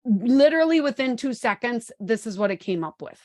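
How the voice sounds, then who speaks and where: A woman's voice: on the high side, animated, brisk, darkish tone, dry recording, clean studio sound. A woman in her forties presenting a live webinar in an upbeat, chatty way, with plenty of ums, speaking into a computer microphone. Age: 40s. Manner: upbeat, chatty, many fillers.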